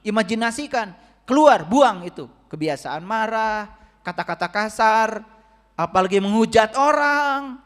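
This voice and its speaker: High-voiced man preaching in a hall. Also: animated, unhurried. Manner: addresses audience directly with questions, swings between soft and loud. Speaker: religious teacher. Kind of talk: spiritual sermon to a congregation. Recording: long reverb of a hall.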